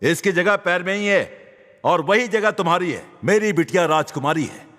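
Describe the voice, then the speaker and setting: A man's voice: high-pitched, moderate pace, fairly bright tone. A man playing an arrogant wealthy father who scorns a former servant in a film drama. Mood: contemptuous. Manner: scornful, domineering. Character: arrogant rich man, contemptuous, proud father.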